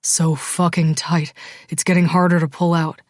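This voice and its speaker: A woman's voice: flat delivery, moderate pace, no echo, clean studio sound, natural voice. Woman voicing a murmuring young man. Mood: low murmur. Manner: low, murmured delivery.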